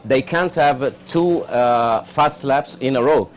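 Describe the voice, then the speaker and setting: A man's voice: mid-range voice, takes it slowly, a little hiss or hum. A man co-commentating a boat race, explaining technical points at length with many hesitations. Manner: explanatory, many uh fillers, non-native phrasing. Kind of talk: live sports commentary.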